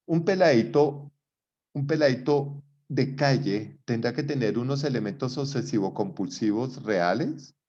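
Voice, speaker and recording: Speaking at normal speed with few pauses, a man whose medium-pitched voice is a little mellow leads a live psychology lesson. He is conversational and frequently asks rhetorical questions to make sure students keep up, on a dull lo-fi recording.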